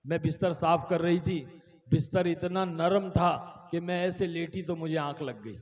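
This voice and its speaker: A humble young slave girl explains herself meekly, as a male preacher puts her on. His high voice echoes through a large hall. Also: normal speed, natural voice. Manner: meek, explaining.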